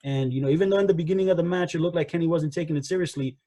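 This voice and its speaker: A man co-hosts a wrestling chat show in a husky, slightly raised voice. He argues casually and animatedly, trips over his words, and acts out what people said. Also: on the high side, very fast, low-quality recording. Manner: animated, full of restarts and acted-out quotes. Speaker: wrestling podcast co-host.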